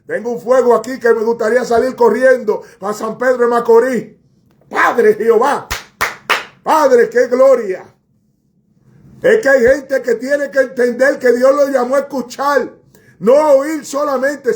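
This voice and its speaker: A man's voice: extremely high pitch, measured pace. A man preaching a fervent sermon, repeating phrases and crying out to God between lines.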